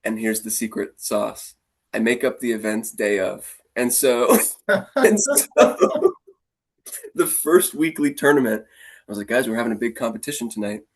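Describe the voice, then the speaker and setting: Husky-voiced man telling lively stories. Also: lowish voice, a little slow. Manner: animated, acts out the kids' voices. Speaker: martial arts instructor. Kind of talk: casual storytelling conversation.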